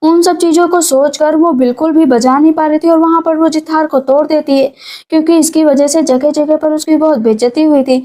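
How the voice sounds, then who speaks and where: High mellow-voiced woman retelling a drama. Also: steady tone, fairly quick. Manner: chatty, filler-laden retelling. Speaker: movie recap narrator. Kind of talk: casual storytelling recap.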